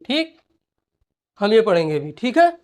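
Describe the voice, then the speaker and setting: A woman teaching a physics class, explaining slowly, repeating points and often checking that students follow. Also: mid-range voice, big pitch swings, a little mellow. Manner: repetitive, checks understanding with "ठीक है". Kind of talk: classroom lecture with board work.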